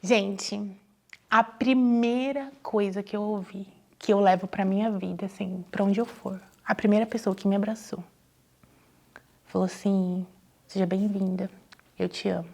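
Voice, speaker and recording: A Brazilian woman sharing a personal testimony, telling it with lively voices for the people in her story. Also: medium pitch, normal speed. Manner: animated, acts out quoted dialogue, addresses listeners as "gente".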